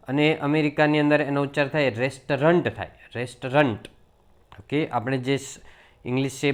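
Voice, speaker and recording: A man with a Gujarati accent giving a spoken English pronunciation lesson. He explains in plain teaching talk and says each English word slowly, again and again. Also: medium pitch, smooth.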